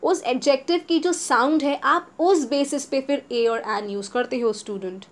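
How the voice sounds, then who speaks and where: High-voiced Indian woman teaching grammar. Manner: explains step by step, addresses students directly; stretches out example words slowly. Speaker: English teacher. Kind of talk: exam-prep grammar lesson.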